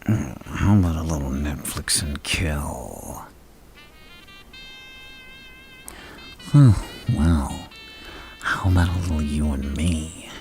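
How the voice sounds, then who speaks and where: A man playing a deranged, lovestruck supervillain in an ASMR roleplay, gravelly and breathy, halting and theatrical, often sinking into a whisper. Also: very deep voice, a little mellow, faint music behind, heavily acted. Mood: nervous, flirtatious. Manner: halting, theatrical, menacingly courteous. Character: the Joker, deranged lovestruck male supervillain on a date.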